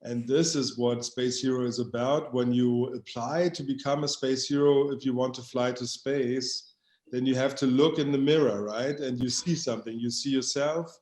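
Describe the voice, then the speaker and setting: A man's voice: mid-range voice, a little mellow. Earnest man in a roomy echo. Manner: earnest, rhetorical, tag questions. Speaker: co-founder, guest. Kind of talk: inspirational interview answer. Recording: roomy echoey audio.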